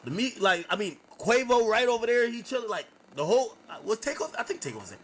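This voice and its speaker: A man's voice: high voice, fast, a little hiss or hum, low-quality recording. A man on a stream telling a long story in a casual, profane way, acting out what people said. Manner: animated, profane, acts out quotes.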